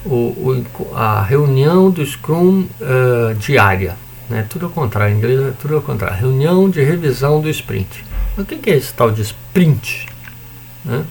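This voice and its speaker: A man's voice: medium pitch, animated, unhurried, gravelly, a little mellow, a little hiss or hum. A man with a Brazilian accent giving an informal recorded lecture, explaining in a chatty way with frequent tag questions and the odd joking swear word. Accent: Brazilian Portuguese. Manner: mild swearing and joking asides. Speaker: university lecturer.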